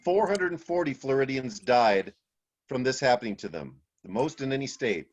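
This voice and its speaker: Brief: game show host, lively voice, dull video-call sound. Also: male voice, mid-range voice, normal speed.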